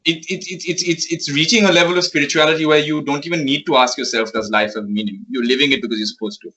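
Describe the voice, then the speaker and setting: A man's voice: fairly high pitch, steady tone, quick pace, sharp tone, husky, low-quality recording. A man as an interview guest, articulate and thoughtful, often breaking into laughter. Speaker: interview guest, magazine editor. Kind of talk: casual interview conversation.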